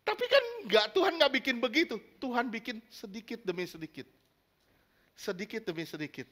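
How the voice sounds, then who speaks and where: A man preaches with a high voice, stressing his points and checking with his listeners. He acts out small scenes as examples. His tone is bright and forward. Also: big pitch swings, fairly quick. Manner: emphatic, asks the congregation questions, acts out little scenes. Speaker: pastor. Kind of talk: sermon.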